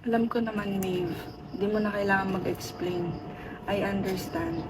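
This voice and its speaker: A young woman playing a gentle younger sister in a short drama film, speaking softly and reassuringly. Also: medium pitch, fairly even intonation, normal speed, very noisy, close to an everyday voice. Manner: soft, quiet, reassuring.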